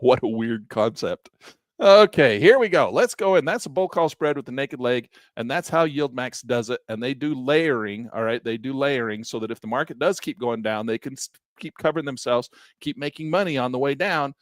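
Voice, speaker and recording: An animated older man from Southern Utah teaches trading on a live stream, launching into an off-the-cuff rant at normal speed, recorded studio-clean with no echo. Exasperated, he mocks critics in a high, squeaky voice, then drops low to grumble.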